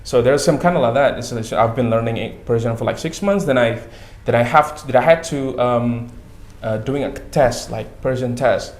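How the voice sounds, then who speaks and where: A native-speaking man, guest in a casual interview chat, talks haltingly in English with lots of fillers and repeated words. His voice is medium-pitched, and the room sounds echoey.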